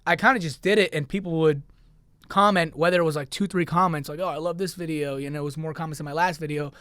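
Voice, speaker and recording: Speaking fast in a steady, slightly bright voice on the high side, a young man from Queens, New York, chats as a content creator guesting in a podcast studio. He's loose and talkative in this casual interview, leaning heavily on "like" and "you know," and the dry studio sound has no room tone.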